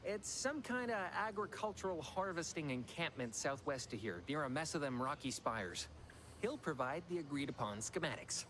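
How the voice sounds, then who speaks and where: An actor playing a nervous, scheming corporate clerk in a video game, talking in a folksy, fast-running way. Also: male voice, on the high side, sing-song, noisy background. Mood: wheedling.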